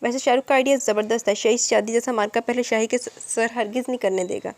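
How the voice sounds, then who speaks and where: A woman's voice: a little high, steady tone, fast talker, darkish tone, close to an everyday voice. Woman reading as a cheerful, fond young wife. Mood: amused. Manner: amused, affectionate. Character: cheerful, fond older sister-in-law.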